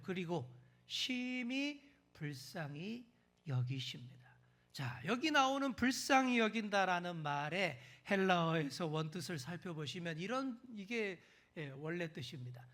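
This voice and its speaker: A man with a high voice preaches a sermon as senior pastor. He speaks straight to the congregation and asks them questions. He drops to a whisper one moment and stresses words loudly the next. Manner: expressive preaching, swings from loud stresses to hushed whispers.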